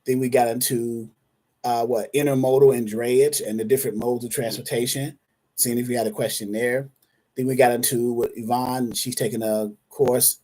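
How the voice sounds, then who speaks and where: A man of medium pitch hosts a live online Q&A as a dispatcher trainer. He talks in a loose, chatty way, speaking to viewers by name and often restarting his sentences as he thinks aloud. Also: warm tone.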